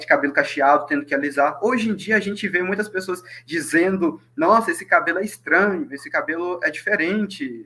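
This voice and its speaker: A young man gives a talk at an online academic panel. His voice sits a little high, and he speaks informally, with frequent fillers and self-corrections, as if over a computer mic. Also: fairly bright tone. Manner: informal, many fillers and restarts. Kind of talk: academic presentation.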